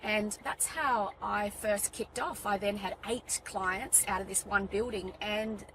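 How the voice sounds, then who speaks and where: A woman's voice: medium pitch, measured pace, fairly bright tone, poor audio. A woman in her forties, born in Wales and raised in Western Australia, chatting as a guest in a car interview, with many ums and restarts. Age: 40s. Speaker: guest, fitness business owner. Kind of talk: casual interview chat. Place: inside a car. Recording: car interior with road noise. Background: vehicle noise.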